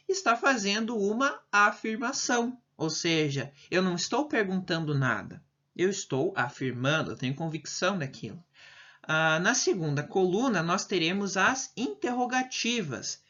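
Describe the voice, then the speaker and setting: Slow, lively Brazilian woman teaching English. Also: fairly low pitch. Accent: Brazilian Portuguese. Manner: slow, drawn-out model sentences in English; explanatory, checks understanding with "ok?" and "certo?". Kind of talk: recorded language lesson. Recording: dull lo-fi audio.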